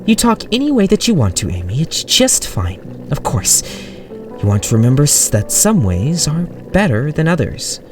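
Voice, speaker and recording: Nervous mom, hurried and high-pitched, trying to smooth things over ; a man plays her, storybook reading. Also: huge pitch swings. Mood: anxious. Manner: fearful, hurried placating. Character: nervous middle-aged woman, anxious mother. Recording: distant mic with soft music.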